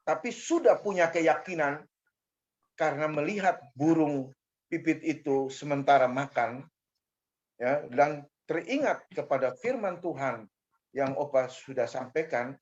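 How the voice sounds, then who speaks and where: An older male pastor recounts his testimony at a very unhurried pace, letting each phrase settle. He often pauses on a soft "ya" before going on. The recording sounds dull and lo-fi, with the top end rolled off. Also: a little high. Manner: measured, fills pauses with a soft "ya". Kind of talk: personal testimony storytelling.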